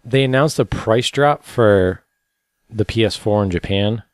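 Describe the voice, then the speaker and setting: Tired, easygoing male podcast co-host, low voice, dry close sound, running through the news casually. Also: a little slow, no room sound. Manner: relaxed, rambling, many fillers. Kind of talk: casual chat.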